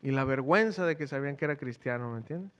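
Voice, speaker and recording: A man's voice: mid-range voice, expressive, fast talker, a bit bright, lo-fi sound. A middle-aged man preaching a sermon, questioning the congregation in a conversational way. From Mexico. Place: church.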